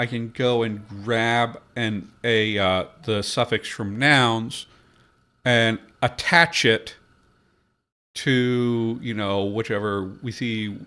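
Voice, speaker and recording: Slow, hesitant man thinking aloud. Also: mid-range voice, fairly bright tone. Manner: slow, hesitant, many fillers and restarts. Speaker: podcast host. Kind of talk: thinking aloud while building a language.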